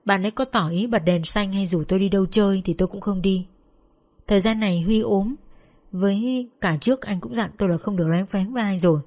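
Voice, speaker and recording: A young woman, telling a first-person story in a calm, steady voice. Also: medium pitch, fairly quick. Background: faint music.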